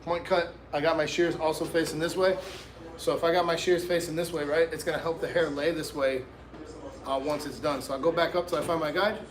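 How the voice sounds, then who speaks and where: Guy barber doing a live tutorial, slangy casual talk to chat, voice a bit on the high side. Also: steady tone, fairly quick, reverberant. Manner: informal, slangy, addresses viewers directly. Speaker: barber and livestream host giving a haircut tutorial.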